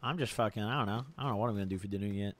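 On his gaming live stream, a young man chats rapid-fire in a voice on the low side, a bit bright, with no room sound. His talk is slangy frat-bro hype, full of swearing and shout-outs of "bro," "dude," and "boys."

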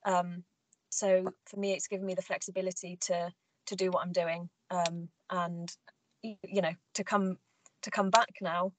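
A woman's voice: on the low side, little pitch movement, normal speed. A young woman, a scholarship student and athlete, answering thoughtfully with many ums on a video call from a room at home. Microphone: laptop webcam, video call.

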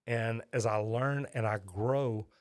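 Taking his time in a steady, mid-range voice, a fifty-something master plumber from Texas hosts a live stream and talks with viewers. He's chatty and folksy, wandering off track and restarting often. The close boom-arm microphone in his small home studio with shelves gives a recording with no echo.

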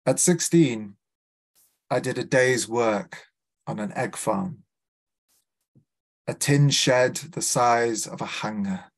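A man from Liverpool with a Scouse accent, a poet reading his work aloud and introducing each poem with a few hesitant fillers. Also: mid-range voice. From Liverpool, England. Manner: measured, deliberate reading with small hesitant fillers between poems. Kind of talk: live poetry reading with spoken introductions. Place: literary festival event.

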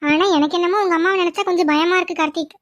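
A woman's voice: very high-pitched, fairly even intonation, rapid-fire, fairly bright tone, dull audio. A woman voicing a fretful, jealous young girlfriend in a cartoon, speaking in a worried, coaxing way.

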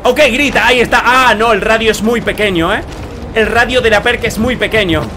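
A young man with an Argentine accent commenting on his own gameplay, excitable and quick to shout or laugh. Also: sits high, a little hiss or hum. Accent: Argentine Spanish. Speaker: streamer.

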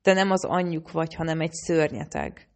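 A woman's voice: sits low, creaky, darkish tone. A woman voicing an outspoken, snapping young woman. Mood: indignant. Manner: snapping, indignant.

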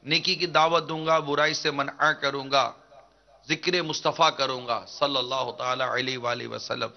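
A man preaching a devotional sermon in an earnest, measured declaiming manner. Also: mid-range voice, fairly even intonation, gravelly. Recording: dull lo-fi recording.

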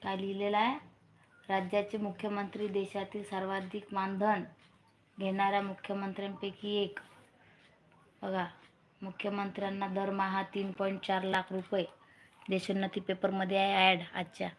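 A woman's voice: mid-range voice, monotone, moderate pace, a little hiss or hum. A woman with a Vidarbha Marathi accent hosting a casual live stream from home on her phone, urging viewers to comment. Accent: Marathi from Vidarbha region. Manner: urges viewers to comment, chats with family off-camera.

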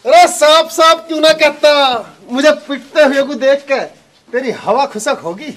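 Man as a bossy, bribe-taking village cop, high and bright, blustering comic delivery. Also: unhurried. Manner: boastful, bossy, then wheedling when caught. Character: blustering, corrupt village police inspector. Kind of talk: comic sketch acting.

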